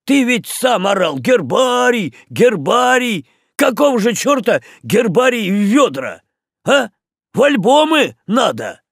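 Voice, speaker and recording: A gruff, hot-tempered old sailor shouting in a raised, high voice, as a man puts him on. His voice is gravelly, and he curses freely. The sound is dry. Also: very animated, slow, no room sound, full character voice. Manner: shouting, cursing.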